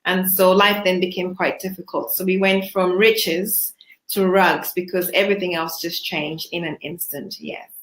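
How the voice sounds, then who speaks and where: A woman's voice: on the low side, little pitch movement, moderate pace. Woman telling her story, echoey. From Zambia. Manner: earnest, reflective storytelling. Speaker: interview guest. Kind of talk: online interview. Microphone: video call.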